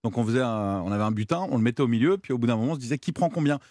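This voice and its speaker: A man's voice: mid-range voice, animated, rapid-fire, a little mellow, no echo, clean studio sound. A man presenting a playful trivia quiz segment as a radio columnist, delivering his lines with a jokey, theatrical flair.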